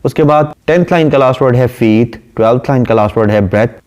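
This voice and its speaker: A man, lecturing on a poem and explaining it line by line, reading the verse slowly. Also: mid-range voice, darkish tone. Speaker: literature lecturer.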